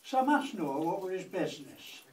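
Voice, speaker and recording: This Lancashire man in his 80s, reciting as a grandfather, gives a comic verse monologue a rhythmic, dry treatment. He speaks at a moderate pace in a high voice with big pitch swings, recorded in an echoey room by a distant mic with faint noise.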